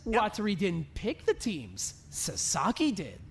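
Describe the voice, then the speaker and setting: An actor voices a smug young male student who accuses others in an animated murder mystery, speaking in a deliberate, taunting way. His pitch is medium, and there's slight background noise.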